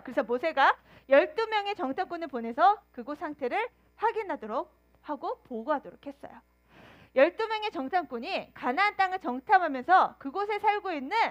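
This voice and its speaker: A woman preaching a children's sermon, telling the story in an animated way and asking the children questions. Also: sits high, lo-fi sound. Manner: animated storytelling, acting out quoted voices.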